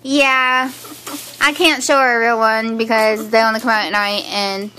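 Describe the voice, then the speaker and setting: A woman with a bright, clear voice pitched fairly high talks through a casual home haul vlog. She chats in an upbeat, giggly way, recorded on a handheld camera indoors with a faint hum of room noise behind her. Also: fairly even intonation, moderate pace, rough recording. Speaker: vlogger. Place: living room floor, indoors. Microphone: handheld camera filming from above.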